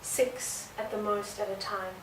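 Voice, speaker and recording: In an echoey indoor space at an art venue, a distant microphone captures a young South African woman, early twenties, with a mid-range voice. Appearing as a guest dancer in a conversational interview, she reflects earnestly and often pauses on fillers, with steady noise underneath.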